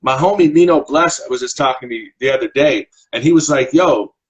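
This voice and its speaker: A man's voice: mid-range voice, brisk, lo-fi sound. A man from Nova Scotia with a Canadian accent, hosting a casual video chat in a laid-back way, often saying "man". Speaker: podcast host.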